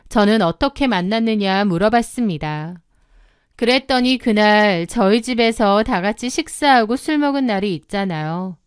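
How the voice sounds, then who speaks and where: A woman's voice: a little high, clean tone, no echo, clean studio sound. A woman reading a first-person confessional story aloud in a dramatic, scripted way, throwing herself into the quoted outbursts. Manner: dramatic confessional telling, bursting into loud acted shouts. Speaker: story narrator.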